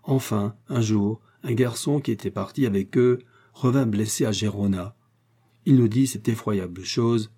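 A man's voice: on the low side, normal speed, warm tone, natural voice. A man voicing a fierce young Spanish woman, a vengeful guerrilla fighter, speaking with burning hatred in an audiobook. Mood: grieving. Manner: burning, hateful, hissing delivery. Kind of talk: audiobook character voice.

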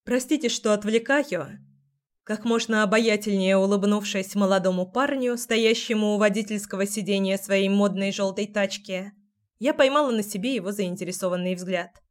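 A woman reading a first-person story aloud. Her delivery is expressive and wry, with a mid-pitched voice that leans into each line. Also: normal speed. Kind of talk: first-person audiobook narration.

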